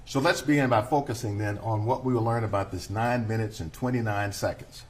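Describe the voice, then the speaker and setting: Middle-aged male prosecutor, deliberate courtroom opening to a jury. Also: fairly low pitch. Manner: measured, deliberate, addressing a jury.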